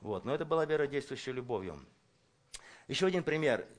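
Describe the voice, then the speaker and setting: A man's voice: mid-range voice, lively intonation, quick pace. A man preaching a sermon. He talks conversationally, asks the congregation questions, and builds intensity by repeating phrases. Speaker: pastor.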